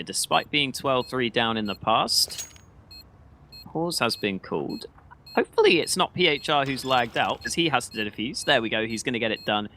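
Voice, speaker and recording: Male esports caster over clearly noisy background. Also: medium pitch, sharp tone. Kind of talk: esports commentary and match analysis. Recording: clear background noise with clicks.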